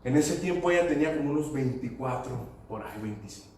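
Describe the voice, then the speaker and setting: A man's voice: mid-range voice, expressive, fast talker, darkish tone, a little hiss or hum. A man preaching a sermon, telling stories and slipping into English phrases. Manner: storytelling, switching into English phrases. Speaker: pastor. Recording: echoey hall, voice from far off.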